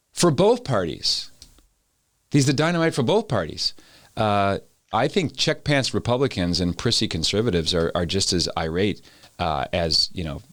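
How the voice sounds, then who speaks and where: Deep-voiced, measured man host. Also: no room sound. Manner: measured, reflective, with frequent "uh" pauses. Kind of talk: interview conversation.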